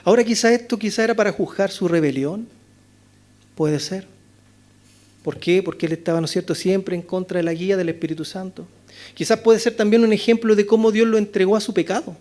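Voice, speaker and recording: Chilean male pastor, expository sermon, high voice, rhetorical questions, dynamics from loud to hushed. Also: steady tone, brisk. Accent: Chilean Spanish. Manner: rhetorical questions, frequent "¿no es cierto?", swings between loud and hushed. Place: church chapel.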